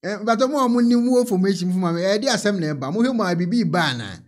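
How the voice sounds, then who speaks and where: A man's voice: sits high, very fast. A man in his thirties with a Ghanaian accent, reacting to a video in casual commentary and laughing often. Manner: laughing, animated, mixes in English. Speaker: reaction host. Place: small indoor studio. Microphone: mic on a stand.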